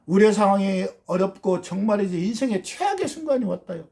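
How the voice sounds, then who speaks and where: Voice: medium pitch, expressive, fairly quick, darkish tone. A pastor preaching a fervent sermon, often putting rhetorical questions to the congregation.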